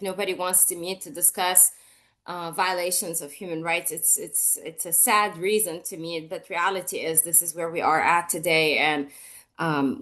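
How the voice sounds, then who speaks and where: Woman professor guest, nasal from a cold, lowish voice, talks clear and serious over a video call. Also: fairly bright tone. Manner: articulate, earnest. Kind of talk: interview answer.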